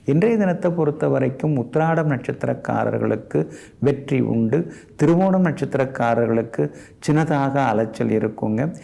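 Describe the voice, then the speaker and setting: A man's voice: medium pitch, normal speed, gravelly, warm tone. A man giving a daily horoscope as an astrologer, in a polite, advising way. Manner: polite and advising, ends sentences with respectful "ங்க".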